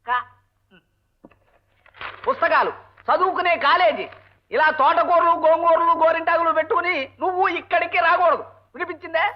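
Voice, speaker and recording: An actor playing a grumbling, henpecked husband and lecturer who mutters sarcastic insults and shouts for silence. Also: male voice, extremely high pitch, moderate pace, long pauses. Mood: exasperated. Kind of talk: 1980s film comedy dialogue. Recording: dull lo-fi old film soundtrack.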